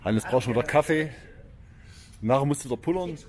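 A man's voice: medium pitch, fairly quick, a crowd in the background. A man filming a casual travel vlog, talking and joking with his friends outdoors by a busy road. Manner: chatty, joking, laughs often. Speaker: vlogger filming a motorcycle road trip. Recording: loud outdoor traffic noise.

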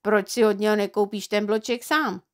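A woman voicing a gruff, stingy middle-aged male neighbour who mocks and argues loudly. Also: mid-range voice, fairly even intonation, lightly acted. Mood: retorting. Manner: mocking, loud.

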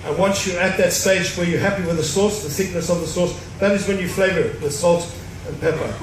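Up on a cruise ship's show stage in front of an audience, a middle-aged chef with a high-sitting voice moves briskly through a recipe step by step, explanatory and dryly joking at this live cooking demo. Expect an echoey hall, a far-off microphone and background noise.

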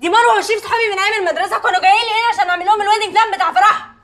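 An actress with an Egyptian accent playing Sarah, a young, suspicious wife with a scolding manner, in a TV comedy. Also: female voice, extremely high pitch, fairly even intonation, racing, no echo. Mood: pleading. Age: young adult. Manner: sharp and scolding.

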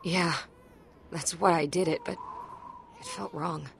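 A woman's voice: fairly low pitch, steady tone, a little slow, vocal fry, a little hiss or hum. An actress playing a hardened but troubled young woman survivor in a video game, subdued and reflective. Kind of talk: dramatic video game acting.

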